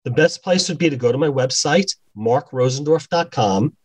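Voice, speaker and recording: A man's voice: medium pitch, lively intonation, moderate pace, husky, rough recording. A man, an author, reading an excerpt from his novel and then answering interview questions plainly.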